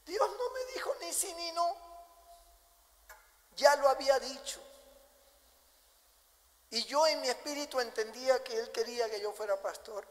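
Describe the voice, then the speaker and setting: High-voiced pastor preaching in a big hall. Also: male voice, animated, a little slow, pauses often. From Peru. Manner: impassioned, swinging from loud emphasis to hushed asides; rhetorical questions. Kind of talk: sermon.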